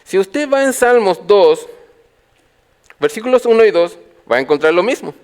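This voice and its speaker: Man, pastor, sermon, higher pitch, loud then hushed. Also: animated, normal speed, clean tone. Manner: preaching with rhetorical questions to the congregation; swings from loud calls to quiet low phrases. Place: church.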